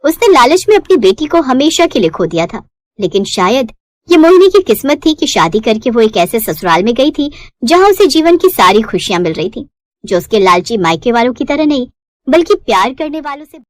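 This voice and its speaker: A woman narrating a cartoon story in a steady, expressive storytelling voice. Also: on the high side, normal speed, no echo.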